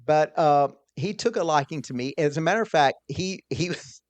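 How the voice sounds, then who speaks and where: A man's voice: fairly high pitch, moderate pace, no room sound. A middle-aged man, a small business owner, telling a personal story in an earnest, conversational way, often restarting his words.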